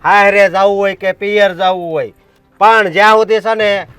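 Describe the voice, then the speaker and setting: A man's voice: sits high, steady tone, moderate pace, a bit bright, clear, resonant tone, no room sound, soft background music. A man playing a bossy, threatening village enforcer. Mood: stern. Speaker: village strongman blocking the road. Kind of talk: short film drama acting.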